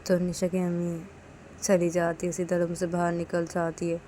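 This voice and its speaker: A woman's voice: lowish voice, monotone, moderate pace, mellow, a little hiss or hum. A woman narrating a story in a casual, repetitive way, linking each line with "then she says".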